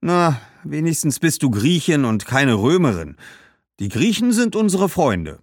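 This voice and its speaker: Man doing a jumpy little boy, high and loud, blurts stuff out, dry sound. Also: unhurried, dry recording, exaggerated voice. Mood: curious. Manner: excited, exclaiming. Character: excitable young Carthaginian boy, quick to judge. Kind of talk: storybook character voice.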